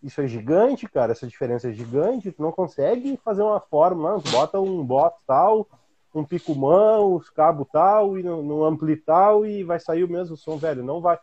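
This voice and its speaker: A man's voice: a little high, animated, normal speed, a little mellow, husky. A man from Brazil, chatting casually on a podcast in an emphatic, blunt, slangy way. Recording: dull mic with faint hiss.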